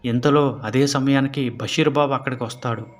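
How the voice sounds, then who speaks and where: A man's voice: medium pitch, steady tone, normal speed, soft background music. Man narrating a horror story.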